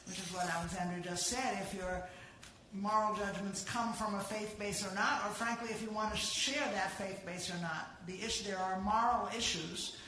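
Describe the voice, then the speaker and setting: Earnest panelist, stops and restarts a lot, high bright voice, very echoey hall. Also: male voice, fairly even intonation, slight background noise. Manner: earnest, halting, searching for words. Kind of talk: panel discussion remarks.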